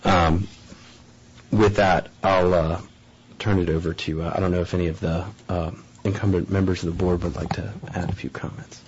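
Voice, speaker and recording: A man serving as mayor, giving a halting formal thank-you speech at a board meeting, full of ums and uhs. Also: sits low, little pitch movement, highs cut off, slight background noise. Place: town board meeting room.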